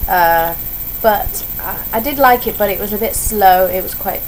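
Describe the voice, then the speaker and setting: A woman's voice: mid-range voice, moderate pace. A young woman who is ill, with her voice starting to go, chatting in a casual, rambling vlog way and often wandering off on tangents. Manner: digressive, chatty, self-interrupting. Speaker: vlogger. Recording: noisy home vlog recording.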